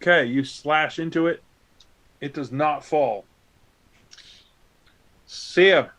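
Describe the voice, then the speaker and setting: A man narrates a tabletop game as its game master, taking his time and pausing on fillers. His voice sits a little high, and he speaks slowly while he lays out what the monster does. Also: fairly bright tone. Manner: slow, hesitant with fillers.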